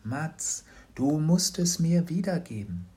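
A man's voice: on the high side, sing-song, slow pace, pitched above the performer's own voice. A man voicing a mysterious woman who runs a market stall, speaking in an urgent, pressing way in an audiobook. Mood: insistent. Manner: urgent, pressing, drops to a hush.

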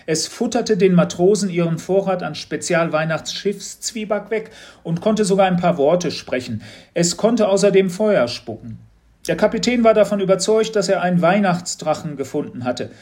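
Audiobook role: male narrator doing a knowing, insinuating teacher, higher and louder than his narration. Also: lively intonation, moderate pace. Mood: probing. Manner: insinuating, leading questions. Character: mysterious probing male teacher, knowing and sly. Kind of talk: audiobook storytelling.

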